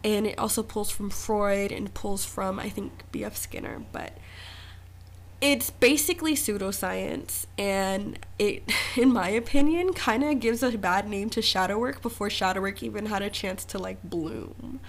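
A young woman co-hosting a podcast, chatting casually, animated and laughing often. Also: medium pitch, unhurried, a little hiss or hum. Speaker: podcast co-host.

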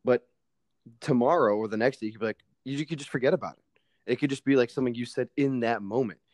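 This young man, a podcast guest, talks fast in a medium-pitched, slightly mellow voice, and there's no echo. His casual chat is emphatic, full of fillers and offhand swearing.

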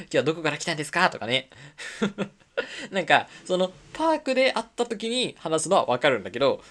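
Lively young woman telling stories on radio. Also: a bass voice. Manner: animated storytelling, acting out quoted lines. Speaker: radio show host. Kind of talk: solo casual talk radio.

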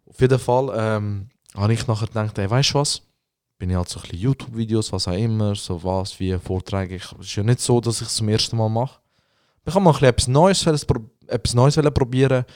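A man's voice: fairly low pitch, fast talker, darkish tone, no room sound, studio quality. A young man from Switzerland, co-hosting a casual podcast, bantering in laid-back, slangy speech. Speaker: podcast co-host. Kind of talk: casual chat.

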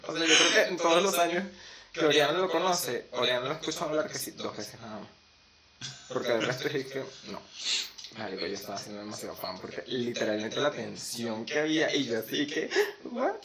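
A man's voice: mid-range voice, brisk, a loud crowd. A young man with a Venezuelan accent, telling stories in a casual, slangy chat. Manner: animated storytelling with slangy asides.

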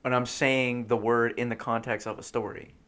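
A man's voice: medium pitch, flat delivery, moderate pace, a bit bright. A young man co-hosting a casual podcast, rambling through his stories with lots of fillers and laughing as he tells them. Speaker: podcast co-host.

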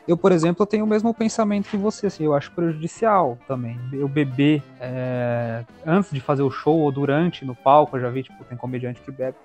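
A man hosting a casual interview, chatty and halting, often restarting his sentences. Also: a little high, fairly even intonation, darkish tone, soft background music. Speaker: podcast host interviewing a comedian.

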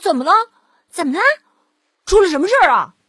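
Woman doing loud, suspicious little pigs. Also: high voice, expressive, brisk, no room sound. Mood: curious. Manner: loud, probing questions.

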